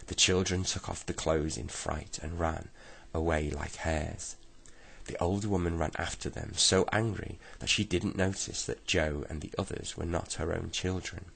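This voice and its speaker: Man reading a bedtime story, very deep and husky, gentle steady delivery.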